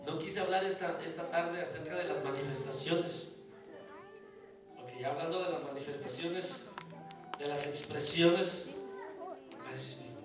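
Male pastor, storytelling sermon, swings from hush to shout, high voice, distant mic. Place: church sanctuary. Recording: echoey church hall, distant mic, music.

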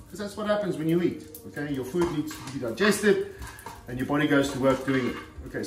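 With a slightly high voice, a middle-aged ex-heavyweight fighter chats his way through a cooking demo at home, plain-spoken and leaning on fillers and "okay." He's captured by a camera positioned across the counter, so the audio carries a roomy, distant kitchen feel with soft music underneath.

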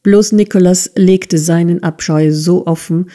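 Audiobook narrator, woman, low voice, very slow and measured delivery. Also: steady tone, dark tone. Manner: measured, unhurried storytelling. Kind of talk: scripted narration of a classic novel.

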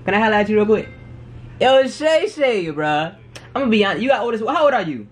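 A man's voice: sits high, very animated, fairly quick, slight background noise. A young man in his twenties, chatting with strangers on a video app in brash, teasing, slangy banter. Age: 20s. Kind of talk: casual video chat. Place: small room indoors.

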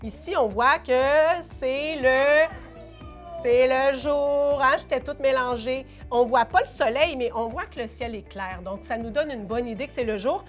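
Animated Québécois woman reading aloud. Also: high voice, normal speed, few pauses, soft background music. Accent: Québécois French. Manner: animated, playful read-aloud with sound effects. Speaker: early childhood educator. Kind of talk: shared reading with explanations to parents.

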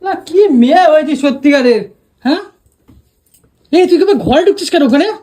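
A woman's voice: high voice, fairly quick, warm tone. A woman scolding her younger sister in a casual family vlog, exasperated and nagging with questions.

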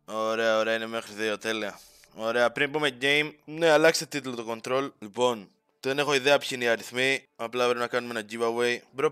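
A man's voice: mid-range voice, pushed and bright, smooth. A young man streaming live, chatting casually with his viewers, teasing them and dropping English slang. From Greece. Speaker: Twitch streamer. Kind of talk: casual livestream chat to viewers.

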